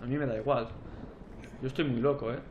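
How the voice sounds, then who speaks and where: A man commenting on a horror game as he plays, swearing and shouting when something scares him. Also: mid-range voice, fairly even intonation, a little fast, highs cut off, a little hiss or hum. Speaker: gameplay commentator. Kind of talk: let's play commentary. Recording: roomy echo with faint game ambience.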